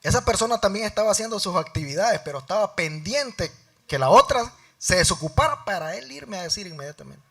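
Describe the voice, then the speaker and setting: A middle-aged man preaching a sermon in church, telling a personal story and acting out both sides of the dialogue, swinging between loud emphasis and soft, low asides. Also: lively intonation, fairly quick. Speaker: lay preacher.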